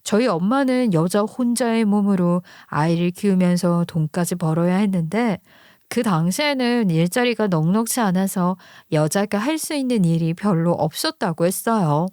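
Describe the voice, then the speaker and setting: A woman narrating a listener's true story in the first person, calm and recounting. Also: medium pitch, normal speed, dry recording, studio quality.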